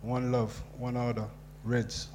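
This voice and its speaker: A man's voice: mid-range voice, level tone, takes it slowly, a little mellow, slight background noise, lightly acted. A man voicing a streetwise young friend just out of jail, talking in loose, slangy London banter with a swagger. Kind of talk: dramatic reading of letters.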